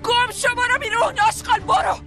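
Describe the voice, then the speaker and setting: An actress playing a widowed mother who scornfully shouts at her brother-in-law to protect her child. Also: very high voice, big pitch swings, loud music behind the voice. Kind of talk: film drama dialogue.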